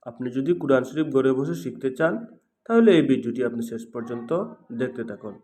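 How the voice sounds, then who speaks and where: A man with a Bangladeshi Bengali accent teaching Quran reading, drilling each letter and syllable slowly and loudly. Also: mid-range voice. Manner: slow, loud, drawn-out drill of each syllable. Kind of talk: recitation lesson, drilling letters.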